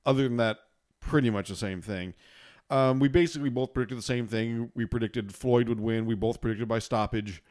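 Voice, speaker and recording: A man co-hosting a casual talk show, speaking in a relaxed, rambling way with lots of ums. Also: mid-range voice, brisk. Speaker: podcast co-host. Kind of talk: casual chat.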